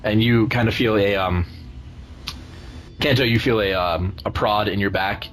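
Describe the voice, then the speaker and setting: A man improvising tabletop game narration as game master, often searching haltingly for his words. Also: lowish voice, fairly even intonation, a bit bright. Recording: noisy room recording.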